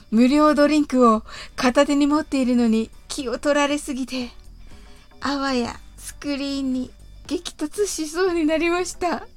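A woman hosting an English conversation podcast, reading a lesson gently and carefully, drawing out the English examples. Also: sits high.

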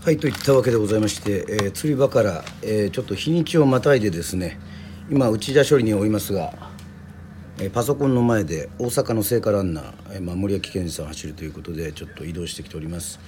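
A man from Yoron Island, a musician and podcast host, reading a children's story aloud in a steady storytelling manner. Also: fairly low pitch, fast talker, slight background noise. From Yoron Island, Japan. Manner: steady storytelling with casual asides.

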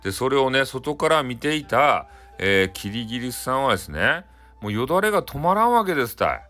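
A man's voice: medium pitch, sing-song, fairly quick, pushed and bright, soft background music. A man with a Hakata accent telling a bedtime folktale in a chatty, folksy way, often addressing his listeners. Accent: Hakata dialect. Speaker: storyteller.

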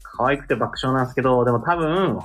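A man's voice: medium pitch, fast, a bit bright, soft background music. A man chatting casually on a podcast over an online call, plainly shrugging off requests. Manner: matter-of-fact, shrugs off requests. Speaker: podcast co-host. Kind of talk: casual chat.

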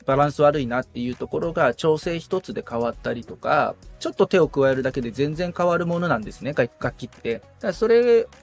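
This guitar repair technician, a man near forty, speaks fast with hardly any pauses in a slightly high, lively voice while faint music plays. As a podcast guest in a casual interview, he explains thoughtfully, using tentative phrasing.

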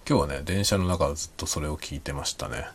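A man talking quietly and rambling in a late-night solo chat, with soft chuckles and self-deprecating remarks. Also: rumbling low, fast talker, slight background noise. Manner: speaks quietly while drinking. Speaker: podcast host.

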